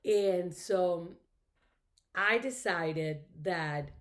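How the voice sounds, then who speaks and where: A craft vlogger, a middle-aged woman whose first language is Spanish, chats to camera very slowly in a fairly low voice. Her talk rambles, full of thanks to her viewers and plenty of "you know"s.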